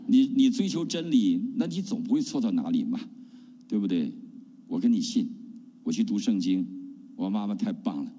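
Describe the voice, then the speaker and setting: A middle-aged man from China, a pastor giving an animated testimony sermon and often asking the congregation questions. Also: lowish voice, moderate pace. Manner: animated preaching with rhetorical questions. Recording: long hall reverb.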